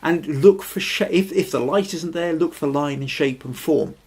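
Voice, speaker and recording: An older Scottish man with a husky voice on the high side talks at a moderate pace, hosting a photography podcast from a small room at home. In a casual live-stream chat, he rambles thoughtfully and reads out viewer comments.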